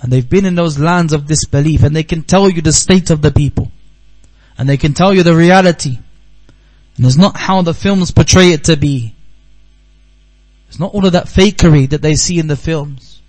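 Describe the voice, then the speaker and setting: A man's voice: fairly high pitch, normal speed, darkish tone, poor audio. A man from the United Kingdom giving a religious talk at a seminar, telling a story earnestly and repeating key phrases for emphasis. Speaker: Islamic teacher. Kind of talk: Q&A talk after a religious lesson. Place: seminar hall.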